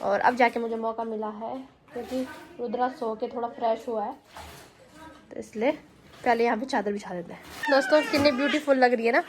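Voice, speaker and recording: A woman's voice: on the high side, fairly even intonation, a little fast. A young woman, a mother vlogging at home, who chats to her viewers and coos at her baby in doting baby-talk. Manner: chatty asides to viewers. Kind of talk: casual home vlog.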